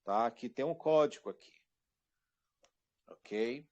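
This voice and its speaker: Slow, patient man teaching. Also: medium pitch, lo-fi sound. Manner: patient, repeats words slowly, points things out. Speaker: Hebrew teacher. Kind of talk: online language class. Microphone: microphone.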